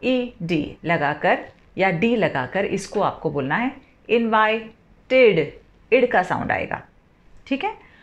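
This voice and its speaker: A woman's voice: on the low side, sing-song, dull audio. Woman teaching English pronunciation. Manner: slow spelling, rising "theek hai?" checks. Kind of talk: spoken lesson, spelling words letter by letter.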